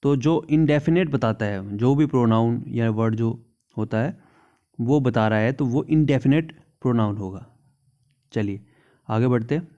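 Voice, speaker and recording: In a mellow, medium-pitched voice, a man explains English grammar in Hindi, slowly reading the English examples and often checking in with "theek hai na". The sound is lo-fi.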